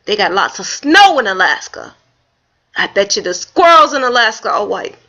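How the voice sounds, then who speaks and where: A woman vlogger telling a story in a casual, animated, folksy way. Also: medium pitch, moderate pace. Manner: animated, folksy storytelling with Southern-leaning speech. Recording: dull lo-fi home video.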